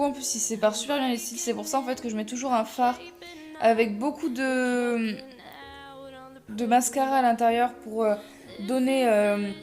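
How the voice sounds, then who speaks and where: A young woman narrates her makeup tutorial in a casual, rambling way, laughing at herself and stumbling over her words. Her voice sits a little high. Soft music runs quietly underneath. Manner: chatty, self-deprecating, many fillers and restarts. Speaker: makeup vlogger.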